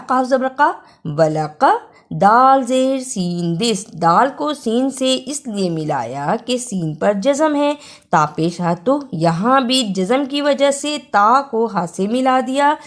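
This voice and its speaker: Woman tajweed teacher, higher voice, slow and careful spelling with sung recitation, Pakistani Urdu accent. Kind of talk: Quran recitation lesson.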